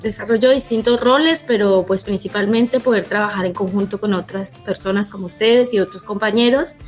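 A Colombian woman guest, a communicator, speaking calmly and often saying "pues". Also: medium pitch, a little fast, soft background music. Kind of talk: interview answer.

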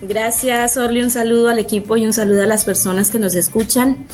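A Colombian woman guest, a communicator, speaking calmly and often saying "pues". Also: a little high, a little fast, faint music behind. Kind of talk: interview answer.

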